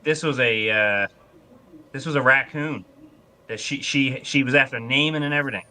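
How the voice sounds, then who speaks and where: A man's voice: mid-range voice, normal speed, bright, forceful tone. A man telling casual, folksy outdoor stories in a blunt, rambling anecdotal way. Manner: folksy hunting-yarn telling.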